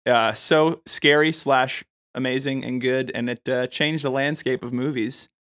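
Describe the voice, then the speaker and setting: A man's voice: mid-range voice, steady tone, unhurried, a bit bright. A man co-hosting a podcast, playful and casual, with many fillers and hesitations. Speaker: podcast co-host.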